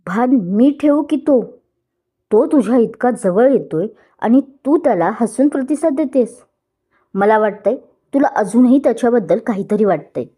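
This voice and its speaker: A woman's voice: medium pitch, normal speed, warm tone, natural voice. Jealous angry husband, read by a woman. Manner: angry, accusing, raised voice. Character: young husband, jealous and hot-tempered.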